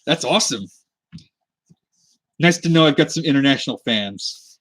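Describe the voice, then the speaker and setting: A man's voice: mid-range voice, lively intonation, moderate pace, fairly bright tone, dry recording. A man in his twenties from the US Pacific Northwest, chatting casually on a livestream while crafting a cosplay prop, rambling and easygoing, picked up by a webcam mic at his desk. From United States (Pacific Northwest). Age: 20s. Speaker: cosplay prop maker streaming live. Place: indoors at a desk at home under a lamp.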